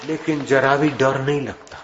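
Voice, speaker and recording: A man giving a devotional sermon, telling a story and acting out its characters with dramatic pauses. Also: mid-range voice, steady tone, some chatter behind. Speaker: spiritual preacher. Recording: dull lo-fi recording with faint music.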